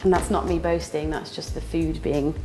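In a small indoor kitchen with music in the background, a young student presenter runs a casual cooking demonstration. Her low voice is steady and moderately paced, with a northern English accent, and she chats playfully, laughing often and adding little sound words.

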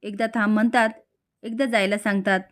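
A woman's voice: mid-range voice, flat delivery, a little fast, lightly acted. A woman reading the lines of a childlike, simple-minded young man in a serial recap. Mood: complaining.

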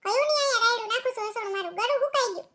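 A woman voicing loud, bossy middle-aged village women in a cartoon comedy, with a Kathiawadi Gujarati accent and a nagging, shouting manner. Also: heavy background noise. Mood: scolding. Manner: shrill, quick, nagging and shouting.

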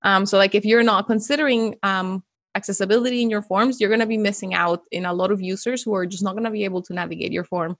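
A young woman originally from Venezuela speaks as a guest in a relaxed video interview. She explains things clearly and in a friendly way, and laughs easily. Her voice is recorded dry on a close studio microphone with a pop filter. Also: medium pitch, fast talker, dry recording. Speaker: guest, web developer. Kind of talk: casual interview. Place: home room. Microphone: close studio mic with pop filter.

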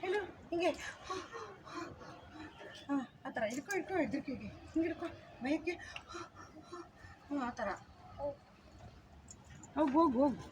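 A woman with a very high voice directs young actors on a shoot, speaking. She calls action and performs each line herself so they can repeat it. A faint noise runs under the recording. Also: expressive, unhurried, pauses often. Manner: coaching, demonstrating lines for the child to repeat. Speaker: acting teacher. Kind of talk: directing child actors on set.

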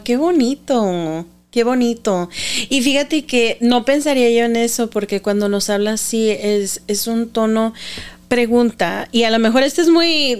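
A woman hosting a podcast, asking unhurried, friendly questions in casual conversation. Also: fairly high pitch, clean tone. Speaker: podcast host. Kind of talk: conversational interview.

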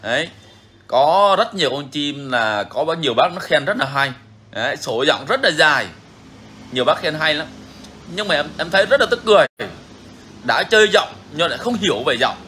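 A man's voice: a little high, big pitch swings, fairly quick, pauses often, bright, forceful tone, a little hiss or hum. A man hosting a bird-keeping channel, talking casually and frankly to viewers, repeating himself often. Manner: frank, repetitive, chatty.

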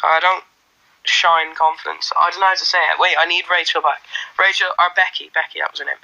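A young Irishman, his accent now faint, chats on a casual livestream, reading comments into a phone held close in a small room. He's loose and relaxed, with plenty of fillers and false starts, talking a little fast with vocal fry; his voice is slightly high, bright and forward, and the highs are cut off.

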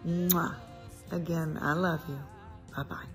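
Woman, very low voice, slow, tender video message, soft music behind. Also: steady tone.

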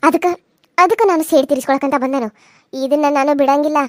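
A woman's voice: high-pitched, steady tone, fast, no echo, studio quality, close to an everyday voice. A woman voicing a vengeful, menacing village wife in a cartoon serial, taunting. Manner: taunting, threatening.

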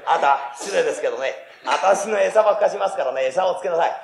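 A man's voice: sits high, fast talker, vocal fry. A man playing a polite, fussy middle-aged fisherman who lectures in a courteous way, recorded in an echoey hall with noise.

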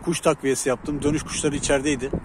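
A man filming his pigeon loft outdoors in a city, chatting casually and calling loudly to coax his birds in. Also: on the high side, level tone, quick pace. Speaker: pigeon keeper and channel host. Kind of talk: casual outdoor vlog chat. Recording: noisy outdoor recording. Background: birds and city traffic.

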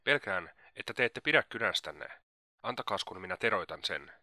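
A man reading as a gushing, flattering young lady. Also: deep voice, dry recording, clean studio sound, full character voice. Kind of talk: audiobook character reading.

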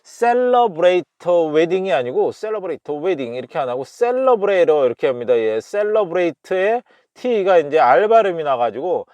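A Korean man teaching English pronunciation. He sounds each phrase out slowly and repeats it, then explains it with many fillers. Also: a little high, big pitch swings, darkish tone, dry recording, dull audio.

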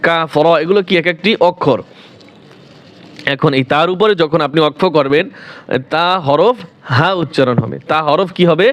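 High-voiced man teaching Quran reading. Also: a bit bright. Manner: repeats each word slowly and asks himself questions. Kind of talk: explaining rules to viewers.

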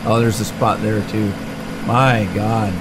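A middle-aged man with a lowish voice speaks slowly and in a level tone as he hosts a farming game let's-play for his gaming channel. He rambles casually, with many fillers and restarts, over clearly audible tractor and engine noise from the game.

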